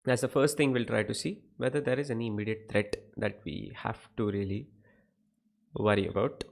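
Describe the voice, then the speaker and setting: In this live-streamed chess lesson, the young Indian English-accented coach walks through positions, poses questions to viewers and welcomes chatters by name. He speaks in a lowish, gravelly voice, level in tone and moderate in pace.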